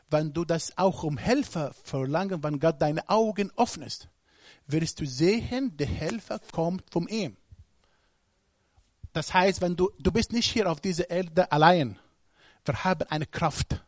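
A man's voice: on the high side, animated, takes it slowly, no room sound, studio quality. A man preaching a sermon, speaking emphatically and putting questions straight to the congregation.

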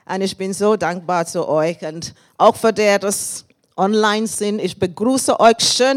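English woman preaching with joyful praise. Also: mid-range voice. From England. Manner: warm and thankful, with frequent laughs and praise shouts. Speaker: guest preacher. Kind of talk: sermon with personal testimony.

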